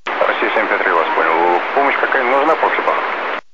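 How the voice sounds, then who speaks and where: A man's voice: lowish voice, lively intonation, a little fast. A man working as an air traffic controller, speaking in polite procedural phrases over the radio. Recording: muffled radio channel, loud static.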